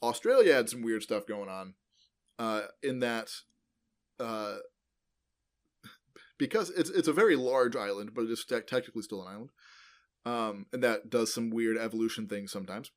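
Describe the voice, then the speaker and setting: On a casual educational podcast, a medium-pitched male co-host explains paleontology in a loose, rambling way. He fills pauses with plenty of ums, uhs, and likes, and corrects himself as he goes.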